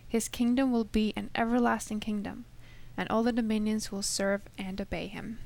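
A woman from Norway, a student guest, reading a passage aloud in a soft, steady way. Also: mid-range voice, normal speed, gravelly. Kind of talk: reading scripture and praying.

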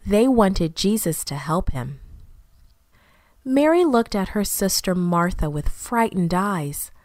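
Slow, gentle woman reading a children's story. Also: medium pitch, no room sound. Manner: slow, careful, expressive reading.

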